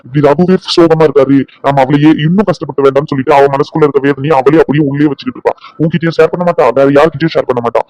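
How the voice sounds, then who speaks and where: Man voicing a bossy doctor buddy in a cartoon, fast teasing scolds, dull dry recording. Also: a little high, fairly even intonation, a little mellow, no echo, lightly acted. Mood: lecturing. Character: blunt young male doctor friend, scolding. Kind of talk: cartoon drama voice-over.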